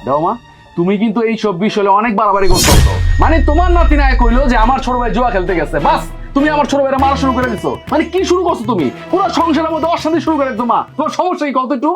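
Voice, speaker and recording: A man plays a harsh, scolding elder son. He speaks very fast, his voice high and lively. Faint music runs behind him. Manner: scolding, quarrelsome. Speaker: elder son in a family drama. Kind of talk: television drama acting.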